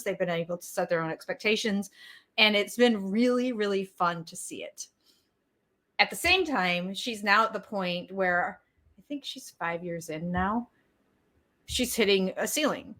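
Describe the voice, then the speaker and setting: A woman's voice: medium pitch, expressive, moderate pace, fairly bright tone. A woman co-hosting a business podcast, telling stories in a chatty, casual way. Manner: chatty storyteller, laughs easily. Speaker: podcast co-host.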